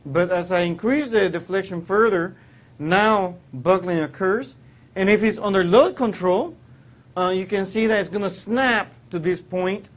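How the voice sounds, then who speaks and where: Guy from puerto rico teaching a class, kinda high voice, says uh a lot, lecture hall sound. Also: a little slow. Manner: explanatory, with frequent fillers and restarts. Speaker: engineering lecturer.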